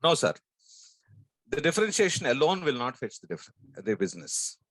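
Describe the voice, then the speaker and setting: A man of about sixty with a strong South Indian Telugu accent from Andhra, giving an emphatic training talk in short, deliberate phrases with rhetorical questions. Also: mid-range voice, big pitch swings, a bit bright, no echo. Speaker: sales trainer and business coach. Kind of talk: motivational training talk to an audience.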